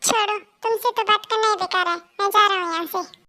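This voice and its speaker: A rude young husband in a fan audio story, short-tempered and dismissive, as a woman reads him. The voice stays extremely high. He cuts people off with curt, irritated remarks. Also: fairly even intonation, fairly quick, sharp tone.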